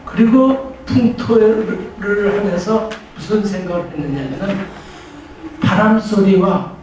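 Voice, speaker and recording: A man's voice: high-pitched, slow, far from the mic, muffled recording. Older man lecturing in an echoey room. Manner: conversational, with restarts and rhetorical questions. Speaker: professor giving a keynote lecture. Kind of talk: public lecture. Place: library training room. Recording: echoey room, voice from afar, noisy.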